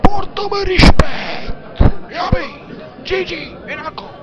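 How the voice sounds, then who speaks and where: A man's voice: very high-pitched, a little slow, a crowd in the background. A man voicing a foul-mouthed head chef with a Neapolitan accent who scolds and insults his cooks in a comic dub. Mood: bossy. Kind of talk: comic dub of a TV cooking show. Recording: muffled lo-fi audio with loud music.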